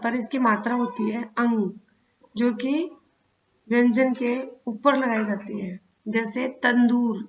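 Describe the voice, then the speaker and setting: A woman teaching a children's grammar lesson, spelling out words slowly sound by sound. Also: fairly high pitch, slight background noise. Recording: dull lo-fi sound.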